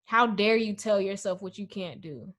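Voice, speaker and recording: Podcast guest, female, mid-pitched, emphatic and passionate. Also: moderate pace, fairly bright tone. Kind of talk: casual conversation.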